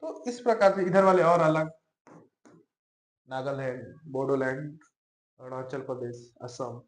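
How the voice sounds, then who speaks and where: A man's voice: mid-range voice, a little slow. A man teaching a class in a conversational lecture style, often asking the students rhetorical questions. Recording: echoey room.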